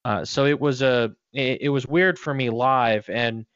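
A man with a clear, smooth voice and medium pitch chats casually about sports as a podcast co-host. The sound is dry and slightly dull. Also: a little slow, a bit bright, no room sound.

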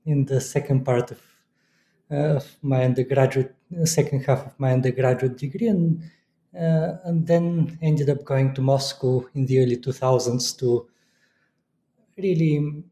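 A professor from Bulgaria speaking as a guest in an interview, thoughtful and hesitant, with many fillers. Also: male voice, medium pitch, dark tone, roomy sound. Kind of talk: academic interview.

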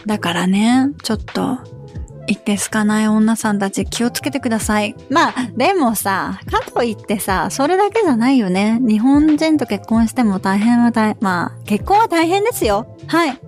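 A woman's voice: fairly high pitch, lively intonation, normal speed, faint music behind. A woman hosting a casual advice podcast, frank and blunt, also coaching English pronunciation. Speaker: podcast host.

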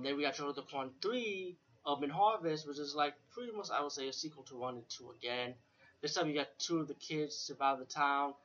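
Hosting a retrospective review of horror films, a man rambles casually and off the cuff, repeating himself, swearing now and then, and often tossing in "you know." His mid-range voice is bright and forceful. The lo-fi recording sounds dull, with an air conditioner fan running nearby in the room.

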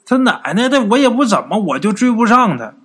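A man's voice: high voice, sing-song, brisk, fairly bright tone, breathy edge, pitched above the performer's own voice, heavily acted. A man voicing a boastful middle-aged village man who talks in a coarse, folksy way. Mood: boastful, spooked. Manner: coarse, swaggering folksy talk.

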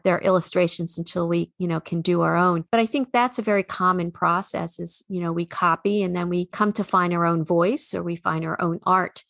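A woman's voice: fairly low pitch, gravelly, a bit bright, no room sound, studio quality. A woman children's author from New England with a New England accent, talking earnestly and reflectively in an interview, often restarting her sentences. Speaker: children's book author and speaker. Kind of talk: conversational interview.

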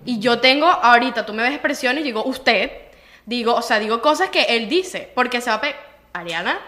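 A woman's voice: on the high side, lively intonation, brisk, pushed and bright. A Venezuelan woman co-hosting a podcast, chatting and jumping in with examples. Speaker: podcast co-host. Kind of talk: casual chat.

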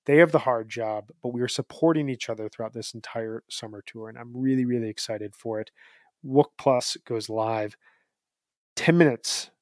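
A man's voice: medium pitch, fairly quick, hardly any pauses, a little mellow, no echo, clean studio sound. A man in his thirties co-hosting a podcast, chatting in an upbeat, rambling, jokey way. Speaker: podcast co-host. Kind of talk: casual podcast chat.

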